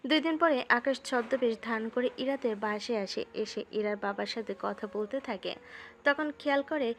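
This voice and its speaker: Female narrator, scripted romantic storytelling, fairly high pitch. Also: moderate pace, a little hiss or hum.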